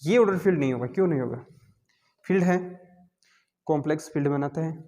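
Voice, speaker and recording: A man's voice: fairly high pitch, quick pace, dark tone. A male math teacher, giving a classroom lecture and constantly asking and answering his own questions. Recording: long hall reverb.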